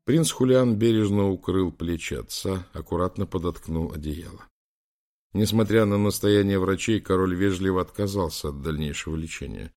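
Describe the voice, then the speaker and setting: A man reading an audiobook, narrating in a measured, even way. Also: low voice. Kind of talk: scripted narration.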